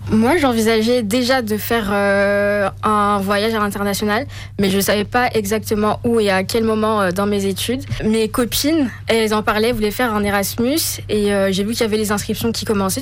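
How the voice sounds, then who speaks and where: A woman's voice: medium pitch, steady tone, brisk. A young woman from Gabon answering radio interview questions, hesitant with many fillers. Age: young adult. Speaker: student interviewee.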